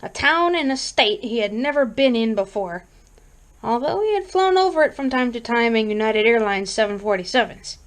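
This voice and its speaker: A woman reading a horror short story aloud in a steady, measured way. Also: on the high side. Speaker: reader.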